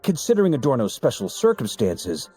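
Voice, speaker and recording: A man voicing an easygoing, authoritative grand master of knights in a video game, husky and a little world-weary. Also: medium pitch, wildly swooping pitch, fairly quick, mellow, faint music behind. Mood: breezy, commanding.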